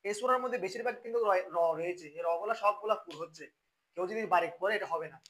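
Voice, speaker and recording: A man with a Bangladeshi Bengali accent teaching Quran recitation, explaining the rules and then chanting the verses slowly and loudly. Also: high voice, low-quality recording.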